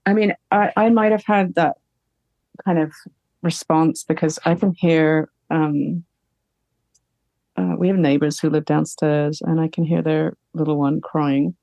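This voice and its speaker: Mellow-voiced woman, hesitant and halting. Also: low-pitched, steady tone, no echo. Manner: hesitant, halting, searching for words. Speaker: therapy client. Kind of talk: live therapy session. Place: home.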